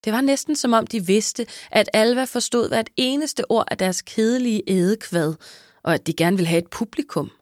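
A woman narrating a children's story in a lively, expressive way. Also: a little high, dry recording, clean studio sound. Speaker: audiobook narrator. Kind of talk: scripted narration.

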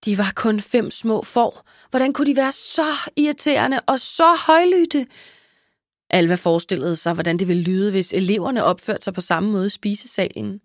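A woman reading a children's story aloud with lively, expressive storytelling. Her voice sits at a middle pitch. The recording is dry and close. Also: no echo. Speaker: audiobook narrator. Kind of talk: scripted narration.

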